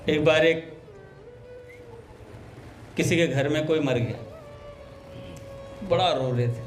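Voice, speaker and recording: A man giving a devotional talk, telling anecdotes and acting out the dialogue in a relaxed conversational way. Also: medium pitch. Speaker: satsang speaker.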